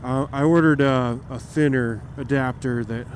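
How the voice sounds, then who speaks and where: A man's voice: mid-range voice, steady tone, moderate pace. Rambling man talking from inside a motorcycle helmet. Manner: casual, rambling, profane. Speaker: motorcycle vlogger. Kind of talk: casual chat while riding. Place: inside a helmet, riding outdoors. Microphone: microphone taped to helmet. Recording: wind and engine noise, helmet mic.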